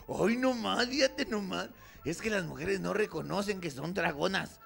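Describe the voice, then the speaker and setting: A man's voice: high voice, normal speed, vocal fry, music in the background. A man with a Mexican accent doing a stand-up comedy routine, acting out both sides of a couple's quarrel.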